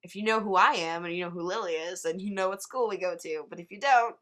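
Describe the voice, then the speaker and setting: Loud, blunt teenage girl. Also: on the low side, fast talker. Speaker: podcast co-host. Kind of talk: casual chat.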